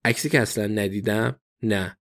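A man's voice: fairly low pitch, steady tone, fairly bright tone. A man voicing a former boxer who gives curt, guarded answers in a read storybook. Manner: curt, deflecting replies.

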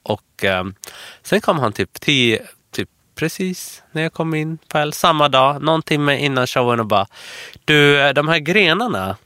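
A man, a hairstylist guest, chatting in an interview and acting out lively anecdotes. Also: a little high, clean tone, dry recording, clean studio sound. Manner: animated storyteller, acts out quotes. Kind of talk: casual interview chat.

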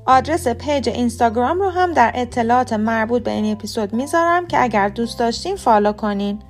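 Clear, careful woman podcast teacher. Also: a little high, expressive, faint music behind. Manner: clear, careful, slow word-by-word spelling of examples. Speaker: podcast host, English pronunciation teacher. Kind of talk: scripted podcast lesson.

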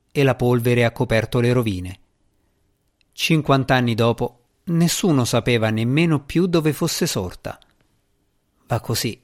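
A man's voice: mid-range voice, natural voice. Bartimeus, a man doing a mocking djinni. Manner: mocking, theatrical sarcasm. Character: sarcastic boastful male djinni spirit in boy form. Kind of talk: audiobook character reading.

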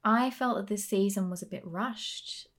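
Wry Australian woman podcast co-host. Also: medium pitch. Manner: wry, laughs often, quick asides. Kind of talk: casual chat.

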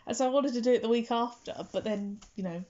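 A woman's voice: a little high, fast talker, dark tone. Young woman, casual rambling chatter, slightly muffled recording. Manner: rambling, filler-heavy, restarts often. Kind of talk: casual chat.

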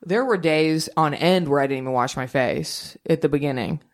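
A woman's voice: low voice, moderate pace. A woman giving advice in casual podcast chat, blunt and emphatic, swearing freely.

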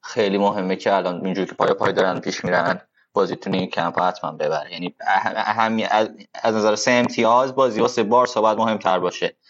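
A man co-hosting a football podcast, analysing casually and haltingly as he searches for words. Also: fairly low pitch, fairly even intonation. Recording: dull, lo-fi live audio.

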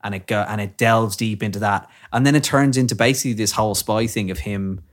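A man's voice: on the low side, fast. A man co-hosting a casual film podcast, enthusiastically retelling documentaries he loves. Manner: enthusiastic storyteller, talks through film recommendations. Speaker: podcast co-host. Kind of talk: casual chat.

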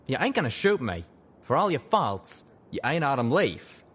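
Brief: wry, folksy young pegasus stallion, voiced by a man, drawled slang, lively delivery. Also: mid-range voice, normal speed, slightly rough, voice pushed up. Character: young male pegasus pony, folksy wisecracking friend.

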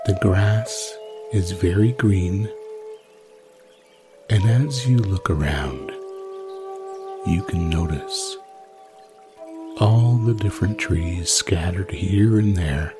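Slow, low-voiced man narrating sleep meditation. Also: over music. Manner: soothing, unhurried, with long pauses.

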